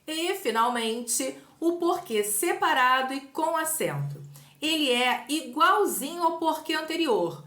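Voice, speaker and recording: A woman with a Brazilian accent teaches a grammar lesson online, with a fairly high voice that rises and falls a lot. She explains patiently and stresses each example slowly. The voice carries a noticeable room echo. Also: fairly bright tone. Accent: Brazilian Portuguese. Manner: clear, patient, deliberate explaining. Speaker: Portuguese teacher. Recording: echoey room.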